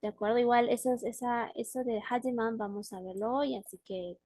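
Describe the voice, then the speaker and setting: A woman's voice: fairly high pitch, fairly even intonation, a little fast, a little mellow, no room sound. A woman teaching a language class on a video call, explaining words patiently and often checking in with her student. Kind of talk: online class.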